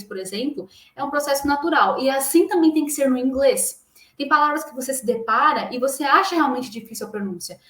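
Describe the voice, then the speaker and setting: A young Brazilian woman with a Brazilian Portuguese accent, teaching an English pronunciation lesson in a lively, encouraging way and talking straight to the viewer. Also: high-pitched. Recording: echoey room.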